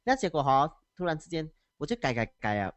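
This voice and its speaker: Animated teacher telling stories. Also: male voice, on the high side, quick pace, dry recording. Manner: animated, laughs often. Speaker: schoolteacher. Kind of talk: casual storytelling on a call.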